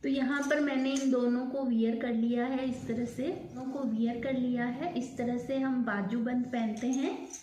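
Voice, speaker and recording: Woman, high voice, slow step-by-step demonstration vlog, echoey indoor room. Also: steady tone, warm tone, a little hiss or hum. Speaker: vlogger.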